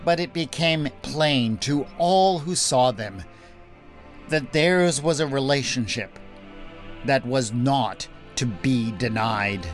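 A man narrating a retold Bible story in a measured, gentle storytelling manner. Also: medium pitch. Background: faint background music.

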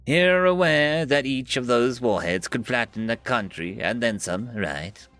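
A man's voice: medium pitch, a little slow, a bit bright, soft background music, close to an everyday voice. A man voicing a weary, sardonic male ship officer who sounds dry and exasperated.

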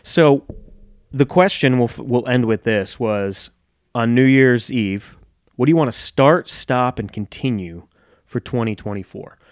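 Talking alone on his casual podcast, a gym owner speaks with candour and reflection, tossing in jokes and the odd swear word. The delivery is measured and medium-pitched, with studio-quality audio and no room sound.

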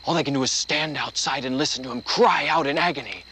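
An actor playing a man telling a campfire horror story to kids, hushing to a whisper and then building to shouts. Film audio with background noise. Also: on the high side, fast talker, rough recording. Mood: rising frantic.

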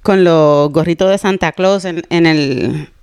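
A woman co-hosting a podcast, expressive and jokey, dropping English words into her talk. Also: low voice, measured pace, clear, resonant tone, no echo, studio quality. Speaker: podcast co-host. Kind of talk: casual chat.

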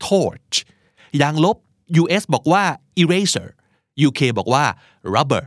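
A man's voice: medium pitch, no echo, studio quality. A man from Thailand hosting a language lesson, chatty and explanatory, mixing explanation with questions to his guest. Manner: chatty, explanatory, laughs easily. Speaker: host.

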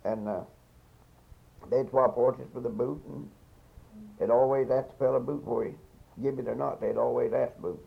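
A man's voice: medium pitch, fairly even intonation, moderate pace, gravelly, pauses often, a little hiss or hum. An elderly man with a Southern Appalachian accent tells stories of the past in a folksy, rambling, repetitive way, as an interviewee in an informal oral history. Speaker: interviewee recalling local past. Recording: dull, muffled field recording.

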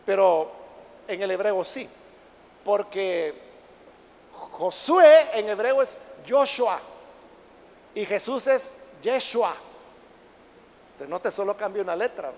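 A man preaching a Bible study sermon, who reads the verses slowly and with force, then explains them in a conversational way and calls his listeners brothers. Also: sits high, lively intonation, darkish tone. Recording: long hall reverb.

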